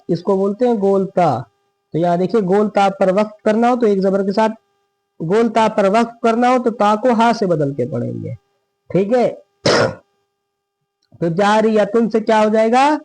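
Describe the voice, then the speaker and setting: A man teaching Quran recitation, patient and repetitive, who asks and answers his own questions and slows to a drawn-out chant for example verses. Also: sits high, a little mellow, rough recording. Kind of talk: lesson.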